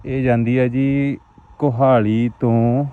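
A man's voice: mid-range voice, flat delivery, takes it slowly, phone-quality sound, a little hiss or hum. A man with a Majhi Punjabi accent making a plaintive, exhortative outdoor vlog appeal to viewers. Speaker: vlogger. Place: outdoors on a rural roadside.

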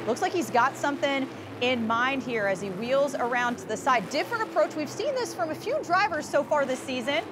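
The sports commentator's voice sits high and moves briskly with lively intonation as she calls a motorsport show in upbeat arena style. Engines sound behind her amid a noisy background.

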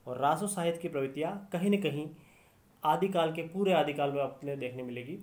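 Man, lecture teacher, fairly high voice, echoey room. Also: fairly quick, darkish tone. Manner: explanatory, repeats key phrases. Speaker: Hindi literature teacher.

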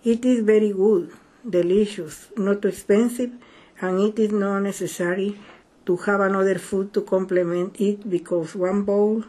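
A woman's voice: medium pitch, fairly even intonation, moderate pace, dark tone, breathy edge. An older woman from Guatemala with a Guatemalan Spanish accent, explaining a home recipe in careful, plain second-language English. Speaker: home cook sharing a recipe. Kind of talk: simple narrated recipe explanation.

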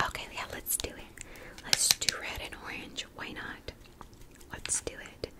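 A young woman doing a whispered role-play close to the mic, with tingly ASMR mouth sounds between soft, repetitive, soothing phrases. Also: a little slow. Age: young adult. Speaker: ASMR video creator. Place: small indoor room. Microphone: close to the mic, facing camera.

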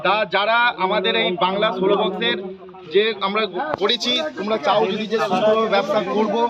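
A man's voice: high-pitched, little pitch movement, brisk. A man speaking as a spokesman at a public meeting, reading out a long list of names with some hesitations. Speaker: sound system association spokesman. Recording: muffled, crowd noise behind. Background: crowd.

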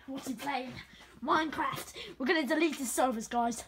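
Shot on a noisy handheld camera in a dimly lit, carpeted basement, this improvised mock-horror skit features a young female co-host hamming it up melodramatically. She speaks high-pitched at a moderate pace over a noisy crowd.

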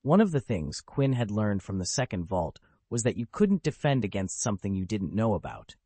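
Brief: male audiobook narrator, low voice with a lively pitch range, steady literal reading, dry close mic. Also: normal speed, breathy edge, dry recording. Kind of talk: scripted narration.

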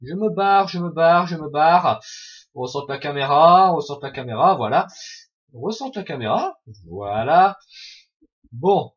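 An excitable man narrates his online match, his high voice swinging wildly in pitch as he swears and shouts at opponents. The sound is a dull, lo-fi home recording. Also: unhurried. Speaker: gaming video host. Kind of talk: Let's Play commentary.

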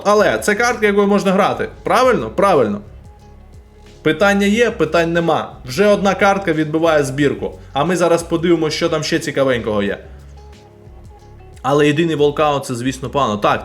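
Excitable man with a higher voice. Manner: excitable, bursts into loud exclamations. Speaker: streamer. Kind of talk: casual gaming commentary.

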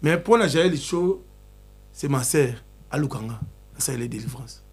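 A man talking excitedly in a casual chat, switching between Lingala and French. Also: mid-range voice, moderate pace, husky, faint music behind.

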